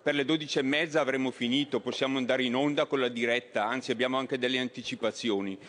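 A man who is a member of parliament, giving a measured but indignant speech. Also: medium pitch, steady tone, fairly bright tone.

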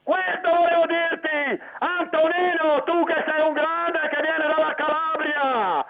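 A woman with a northern Italian Veneto accent phoning in her opinion, emphatic and repetitive, with halting phrasing. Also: sits high, steady tone. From Veneto, Italy. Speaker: phone-in listener. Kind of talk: spontaneous phone-in opinion. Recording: tinny phone line with crowd murmur.

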